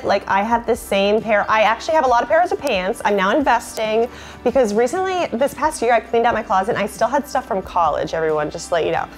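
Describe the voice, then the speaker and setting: A woman in her late twenties chatting casually to camera, bubbly and talkative, filling her sentences with "like". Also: a little high. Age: late 20s. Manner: chatty, lots of "like" fillers, bubbly.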